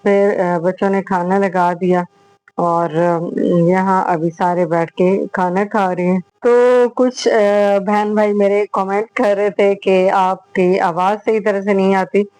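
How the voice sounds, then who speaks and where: A middle-aged woman chatting through a voice-over for her home vlog, unhurried, with drawn-out fillers between thoughts, recorded close on a small mic. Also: mid-range voice, steady tone, darkish tone, dry recording, poor audio. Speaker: vlogger, host. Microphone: voice-over on a small clip-on mic.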